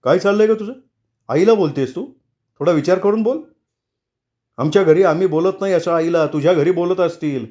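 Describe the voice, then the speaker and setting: A man's voice: fairly high pitch, animated, moderate pace, dark tone, voice pushed up, natural voice. A man voicing an angry adult son who snaps at his wife in a storybook reading. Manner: heated, raised voice.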